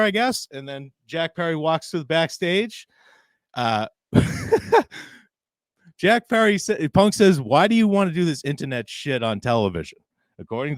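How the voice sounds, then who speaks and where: A man's voice: a little high, no echo, clean studio sound. Chuckling male podcast co-host. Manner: recounts stories, laughing often. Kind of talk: casual wrestling podcast chat.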